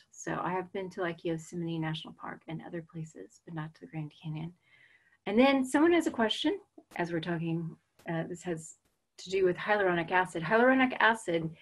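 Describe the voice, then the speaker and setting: Before the webinar starts, a woman in her forties from the US chats casually on a video call and reads off audience answers via her webcam. Her lowish voice is fairly bright with a breathy edge.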